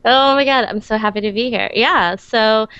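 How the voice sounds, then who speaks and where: A woman's voice: fairly high pitch, normal speed, fairly bright tone, a little hiss or hum. A woman calling into a radio show, chatting casually with a giggle and lots of fillers. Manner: giggly, rambling with many fillers. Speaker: caller. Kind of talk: casual chat on a phone-in. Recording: dull lo-fi call line.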